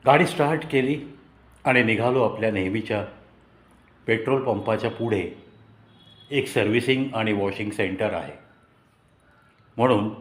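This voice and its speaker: A man narrating a personal story in a conversational, reflective way with dramatic pauses. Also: fairly low pitch. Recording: echoey room.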